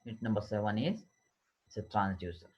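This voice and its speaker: A man, an engineering lecturer who slowly dictates notes and repeats terms for his class. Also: lowish voice, highs cut off. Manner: slow, repetitive dictation, switching between English and Marathi.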